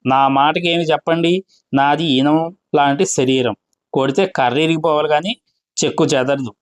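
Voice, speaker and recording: A man's voice: a little high, normal speed, no room sound, lightly acted. A man voicing a boastful, self-important male tutor in a read-aloud play, lecturing in a pompous way.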